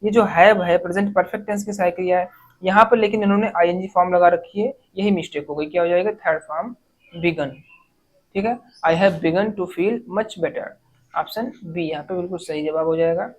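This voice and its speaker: Woman, exam-prep grammar teacher, lowish voice, slow word-by-word reading of example sentences. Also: rough recording. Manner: reads English sentences slowly word by word, then explains. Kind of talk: exam-prep lesson explaining errors.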